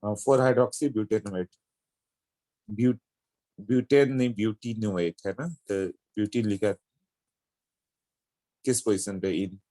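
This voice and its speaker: Guy teaching chem, talks real slow, checks in with students a lot, dry close sound. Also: lowish voice, steady tone, warm tone, dry recording. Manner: explains step by step, checking with students. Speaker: chemistry teacher. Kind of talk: classroom lecture.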